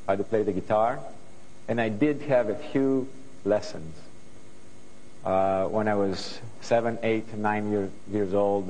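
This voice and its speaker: Through a lapel mic in a large hall, a middle-aged Greek composer talks earnestly to students on a studio stage, thoughtful and prone to restarting sentences. He has a Greek accent and a fairly low, slightly mellow voice. Slight background noise mars the poor audio.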